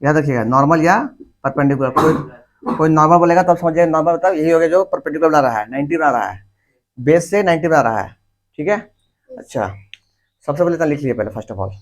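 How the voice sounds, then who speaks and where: A man's voice: fairly high pitch, lively intonation, a little fast. A male teacher giving a class lecture, repeating key words and asking the class questions that he answers himself. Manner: repetitive, asks questions and answers them himself; informal, addresses students directly.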